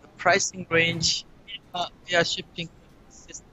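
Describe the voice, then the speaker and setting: A man presenting his company's software over a video call. His audio is cutting in and out, so his volume is uneven, and he talks in short, broken phrases. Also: a little high, completely flat delivery, a little slow, a little hiss or hum, poor audio. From Korea.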